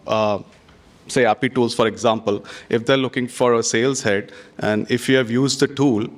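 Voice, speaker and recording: A man speaking on a conference panel, giving earnest, advice-heavy answers with frequent "you know" and "having said that". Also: medium pitch. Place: conference stage.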